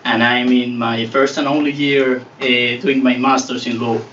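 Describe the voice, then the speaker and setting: A man from Colombia, a law master's student, introducing himself slowly and deliberately. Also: medium pitch, little pitch movement, a bit bright, slight background noise. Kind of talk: casual self-introduction. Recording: roomy, distant, dull video call audio.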